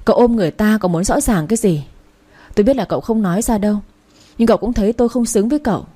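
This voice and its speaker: A woman voicing a jealous young wife who answers in sharp, accusing words. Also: mid-range voice, rapid-fire, natural voice. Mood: hurt, angry.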